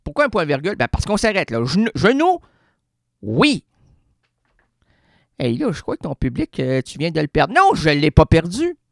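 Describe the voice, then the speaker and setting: A man's voice: a little high, wildly swooping pitch, moderate pace, creaky, long pauses, dry recording. A man with a Québécois accent, a radio columnist delivering a rambling, theatrical, absurdist comedic monologue in a studio. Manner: theatrical, rambling, playful wordplay.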